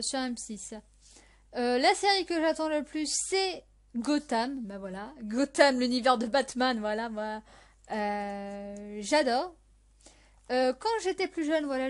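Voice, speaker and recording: A woman's voice: fairly high pitch, clear, resonant tone. A young woman hosting a casual podcast about the series she loves, hesitant and full of fillers and restarts. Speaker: podcast host.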